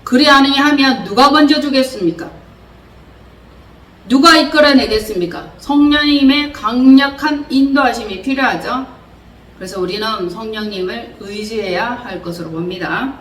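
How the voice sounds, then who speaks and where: A woman's voice: on the high side, normal speed, fairly bright tone. A woman preacher delivering a sermon, earnestly exhorting her listeners with many rhetorical questions. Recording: roomy echo, distant mic, faint noise.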